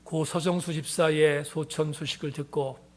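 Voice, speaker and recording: A man's voice: fairly high pitch, steady tone, moderate pace. A middle-aged male pastor preaching a sermon and giving an earnest, emphatic personal testimony.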